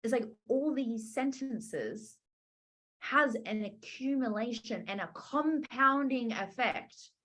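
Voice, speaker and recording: Woman, money mindset coach, casual and animated, acts out quotes on a group call. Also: on the high side, slow pace. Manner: animated, chatty, acts out quotes, many "like" and "right?".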